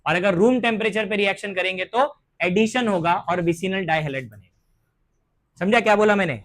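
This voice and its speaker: High-voiced man teaching chemistry. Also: a bit bright. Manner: slows to dictate English terms, asks and answers own questions. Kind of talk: classroom lecture.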